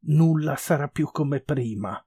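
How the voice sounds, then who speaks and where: A man's voice: a little high, measured pace, warm tone, husky. A man reading the lines of a shaken survivor, voice broken with horror, in a read-aloud story. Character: stunned man dragging a girl through ruins.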